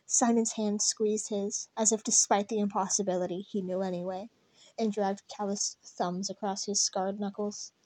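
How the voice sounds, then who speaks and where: A woman reads a story aloud in a soft, mellow voice with little rise or fall. Her narration is even and unhurried. The recording is dry and close, with no room sound. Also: mid-range voice, no echo. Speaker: reader. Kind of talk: fan fiction read-aloud.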